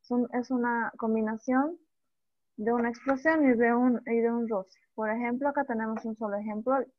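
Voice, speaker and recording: A woman teacher giving an online language lesson, who sounds out speech sounds slowly and repeats examples. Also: a little high, steady tone, no room sound. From Bolivia. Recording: dull dry lo-fi audio.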